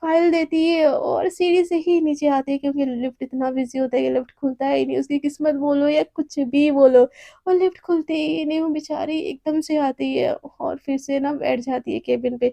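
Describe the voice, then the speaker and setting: Brief: young female storyteller, chatty and rambling, high pitch, mellow tone. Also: fairly even intonation, moderate pace, vocal fry, no echo. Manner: chatty, rambling, repeats words. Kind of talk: casual oral storytelling.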